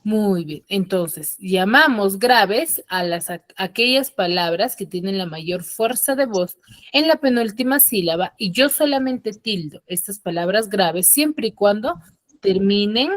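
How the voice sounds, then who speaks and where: A woman's voice: medium pitch, animated, measured pace, no echo, studio quality. A woman teaching an online class, patiently explaining and often checking that her students follow. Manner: patient, asks frequent check questions. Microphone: computer mic on a video call.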